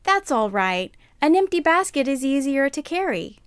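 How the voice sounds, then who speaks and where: A woman voicing a kind, timid little girl in a children's puppet show, sweet and deliberate. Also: high voice, big pitch swings, no room sound, studio quality. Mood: relieved, polite.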